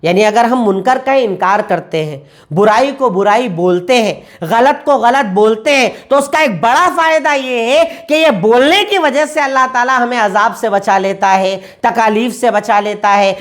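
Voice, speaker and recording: A woman teaching a Quran commentary lesson, explaining word by word with English glosses and repeating points in steady lists. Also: fairly high pitch.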